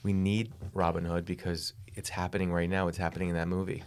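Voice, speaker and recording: A man's voice: low-pitched, little pitch movement, fast, clean tone. A man in his forties co-hosting a comedy podcast, telling stories with enthusiasm and stumbling over repeated words. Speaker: podcast co-host. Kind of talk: casual comedic chat.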